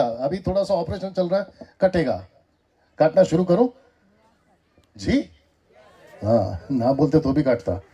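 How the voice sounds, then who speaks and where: A man with an Indian accent giving a lively sermon in a church hall, teasing the crowd and calling for answers back. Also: high voice, slightly rough. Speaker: preacher. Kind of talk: sermon with call-and-response.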